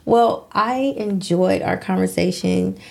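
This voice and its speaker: A woman's voice: medium pitch, slow, creaky, a little mellow. A woman hosting a community radio interview, chatty, asking questions and laughing easily. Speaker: radio host.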